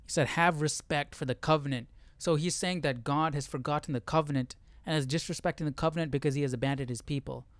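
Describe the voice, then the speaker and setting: A man running a Bible study livestream talks fast, with hardly any pauses, in a slightly high voice with fairly even intonation. He keeps it casual and informal, often tossing in "right?" to check in. There's no echo.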